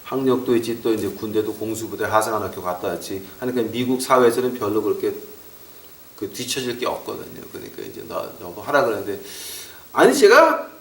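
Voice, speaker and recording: A middle-aged man preaching a sermon as a pastor. He talks in an animated way, acts out relatives scolding him and drops short English phrases into his talk. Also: lowish voice, fast, gravelly, a little hiss or hum. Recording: roomy echo, mic far off.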